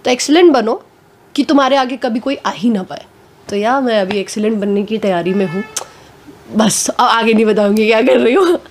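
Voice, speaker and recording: A woman actress giving a casual interview at home, talking frankly and a little hoarse from a cold, slipping English phrases into her speech. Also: on the high side, moderate pace, a little hiss or hum.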